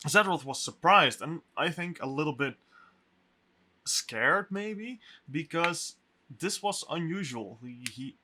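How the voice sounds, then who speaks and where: A bright, forceful man's voice, heard with an echoey ring. He is the game master, walking listeners through what happened in a tabletop session. He talks haltingly, with fillers and restarts. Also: a little high, lively intonation.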